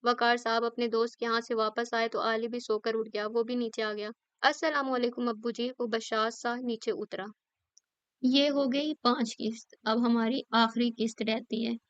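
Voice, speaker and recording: A woman reads a novel aloud in a very smooth, clear voice pitched a little high. She holds an even, level delivery. The recording is dry and a bit dull, with a lo-fi edge. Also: normal speed, no echo. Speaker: narrator.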